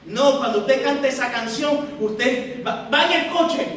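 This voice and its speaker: A woman preacher with a high voice delivers a teaching sermon. She speaks from a distance in a large hall with strong echo. She keeps asking her listeners rhetorical questions and addresses them as brothers and sisters. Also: a little slow, a little hiss or hum. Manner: asks the congregation rhetorical questions. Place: large echoey church hall. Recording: echoey church hall from far off.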